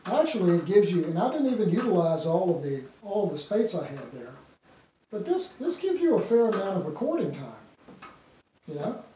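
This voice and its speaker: A middle-aged man giving a casual hands-on demonstration, muttering to himself in an unhurried way as he works. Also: high-pitched, big pitch swings, dark tone. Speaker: phonograph demonstrator. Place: small indoor room full of antique phonographs. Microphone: distant camera microphone. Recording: very echoey room, distant mic, faint noise.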